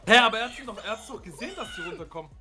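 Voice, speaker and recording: A young man giving slangy, excitable reaction commentary as a co-host, often repeating short exclamations. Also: high voice, rapid-fire. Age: young adult. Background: music.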